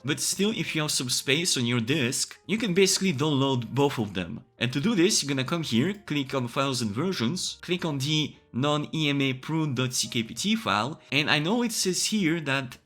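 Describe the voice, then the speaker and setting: A man in a home studio walks viewers through a tech tutorial in a casual spoken style. His delivery is wry and joking, and his voice swings high and low as he goes. His pitch sits in a normal middle range for a man. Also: fairly bright tone.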